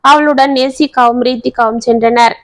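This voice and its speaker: A woman narrating a family story in a steady storytelling manner. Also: a little high, normal speed, no echo.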